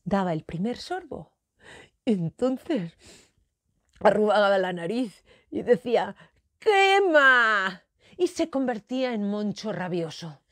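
A woman's voice: mid-range voice, a little slow. A woman, a children's author telling her own story playfully and talking straight to the child. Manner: playful, animated, talks to the child directly.

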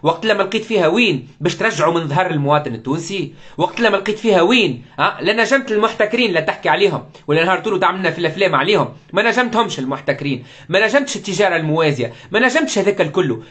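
A man's voice: high voice, lively intonation, very fast, fairly bright tone. A man with a Tunisian Arabic accent giving an impassioned live political commentary, firing off rhetorical questions and mixing in French words.

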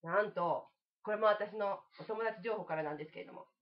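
A woman's voice: medium pitch, a little fast. A woman hosting a live-streamed talk show, chatty and exclamatory as she interviews her guests. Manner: chatty, exclamatory, laughing often. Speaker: host. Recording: dull lo-fi live stream audio.

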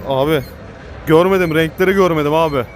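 A man giving excited, panicky commentary while playing a game, swearing and shouting at it. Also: on the high side, brisk. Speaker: gaming YouTuber. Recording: game music playing behind.

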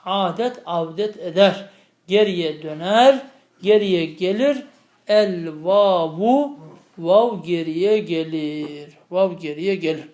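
A man's voice: high voice, slow pace, darkish tone, echoey room. A male teacher lecturing on grammar, repeating each term and checking with students through questions. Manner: explains by repeating terms and asking students questions. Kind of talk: lecturing on classical Arabic grammar.

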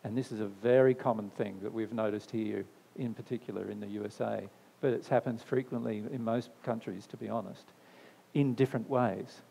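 A man's voice: lowish voice, steady tone, fairly quick, creaky, dark tone, husky. A man giving a spiritual talk to a live audience, answering their questions in a conversational way, often checking in with "right?" and repeating phrases for emphasis. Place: discussion venue, indoors. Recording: long hall reverb.

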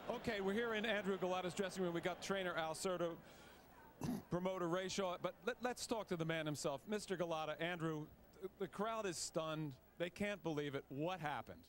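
Man, post-fight interviewer, fairly high voice, pressing questions. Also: moderate pace, a little hiss or hum. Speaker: dressing room reporter. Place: dressing room.

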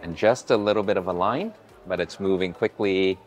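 A low-pitched man in his forties talks at normal speed in this casual food vlog, walking through a hotel buffet restaurant with soft music in the background. He's upbeat and chatty and frequently greets staff warmly.

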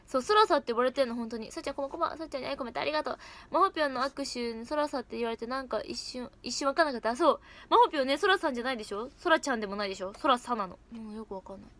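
A woman's voice: sits high, rapid-fire, few pauses, a bit bright. A young woman casually chatting on a livestream, giggling often as she reacts to viewer comments. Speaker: idol livestream host.

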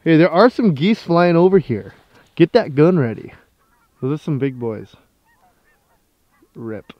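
A man's voice: a little high, big pitch swings, unhurried, dry recording, highs cut off. A man chatting casually for an outdoor fishing vlog on a frozen lake, with slangy buddy-like banter. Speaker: fishing vlogger.

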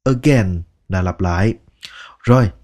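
A man with a Vietnamese accent teaching English phrases, slowly repeating each word one at a time. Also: sits low, a little mellow. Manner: slow, patient, repeats words one by one. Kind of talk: language lesson narration.

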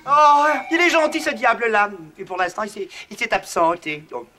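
Naive high-pitched timid clown. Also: male voice, big pitch swings, moderate pace, sharp tone, faint music behind, exaggerated voice. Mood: gentle musing. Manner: hesitant, repeats himself. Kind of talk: children's TV comedy acting.

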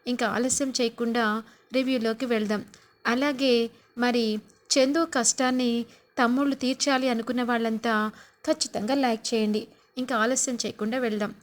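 A woman hosting a serial review, retelling an episode in a drawn-out, emphatic storytelling manner. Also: a little high, fairly even intonation.

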